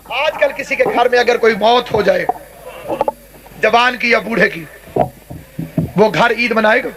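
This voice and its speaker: A man from Pakistan delivering an impassioned Shia majlis sermon, declaiming and rising to shouts, slowing into drawn-out chanted lament verses. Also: extremely high pitch, noisy background. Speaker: religious orator.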